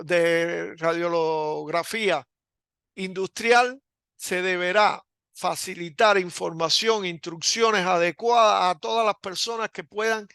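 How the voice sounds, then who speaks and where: A man giving a recorded lecture over slides, slow and deliberate, with frequent hesitations and restarts. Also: high-pitched, creaky, bright, forceful tone, smooth, dry recording, studio quality.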